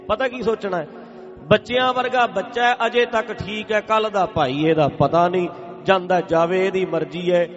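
A man's voice: sits high, moderate pace, long reverb tail, lo-fi sound, music in the background. A man preaching a sermon, driving points home by repeating them and breaking into chanted scripture verses. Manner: emphatic, repetitive, breaks into chant. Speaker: Sikh preacher. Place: gurdwara stage in a hall.

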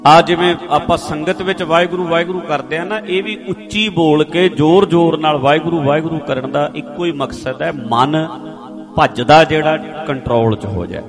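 A man giving a slow, explanatory religious sermon, now and then chanting rhythmically. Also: fairly high pitch. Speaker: Sikh preacher. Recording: music clearly behind the voice. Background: instrumental music.

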